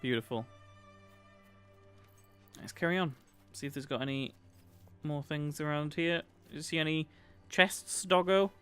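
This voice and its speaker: Bright-voiced northern English streamer. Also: male voice, a little high, unhurried, long pauses, clear, resonant tone, faint music behind. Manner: jokey, excitable, talks to the game. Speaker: livestreamer. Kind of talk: casual gameplay commentary.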